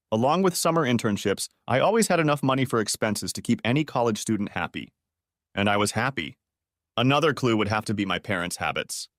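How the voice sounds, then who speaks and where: A man's voice: mid-range voice, a bit bright, no room sound, studio quality. Earnest man narrating a story. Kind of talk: first-person audiobook narration.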